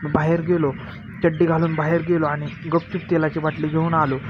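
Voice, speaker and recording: A man telling a first-person story in a plain, unhurried way, weaving in quoted dialogue. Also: a little high, completely flat delivery. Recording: lo-fi with clear background noise.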